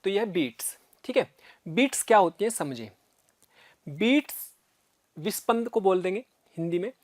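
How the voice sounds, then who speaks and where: A man's voice: sits high, lively intonation, moderate pace, dry recording. Male physics teacher, patient, checks in with students a lot, dry recording. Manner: explains step by step and often checks in with "है ना" and "ठीक है"; repeats sounds aloud to demonstrate. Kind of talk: recorded classroom lecture.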